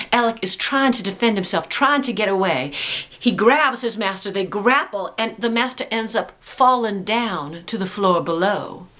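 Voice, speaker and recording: A woman guide narrating a ghost story in a theatrical, deliberate way that drops into a spooky hush. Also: mid-range voice.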